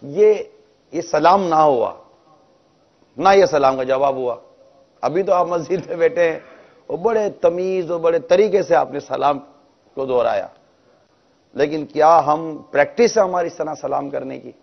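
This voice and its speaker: A man's voice: on the high side, gravelly, long pauses. A man gives a religious talk to a congregation in a mosque, often asking them rhetorical questions. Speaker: preacher. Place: mosque hall. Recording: dull, lo-fi recording.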